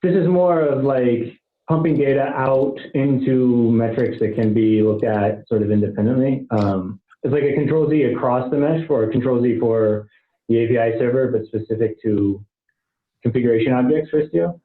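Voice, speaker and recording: A man's voice: medium pitch, moderate pace. A man presenting a proof of concept on a technical working-group call. He thinks aloud, with many um fillers and restarts. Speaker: software engineer presenting work. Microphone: online meeting call. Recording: tinny phone-like call audio, roomy echo.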